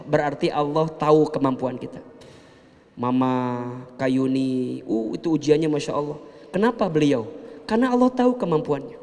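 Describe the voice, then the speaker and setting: A male preacher giving an animated sermon to a women's study group, acting out the voices of worshippers and prayers. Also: on the high side. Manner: animated, acts out pleading congregants and loud crying prayers. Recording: long hall reverb.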